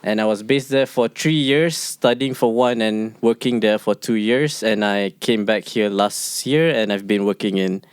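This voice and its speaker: Low, smooth-voiced reserved man. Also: dry recording. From Malaysia. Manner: reserved, measured. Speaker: guest. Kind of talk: casual podcast chat.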